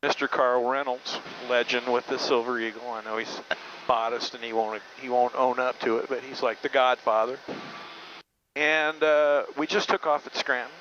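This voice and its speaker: A male pilot narrates casually from the cockpit in a forceful, mid-pitched voice. His phrasing is conversational and hesitant, and the audio is a little dull. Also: steady tone, moderate pace. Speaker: pilot and video host. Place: small aircraft cockpit in flight. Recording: muffled cockpit audio with faint noise.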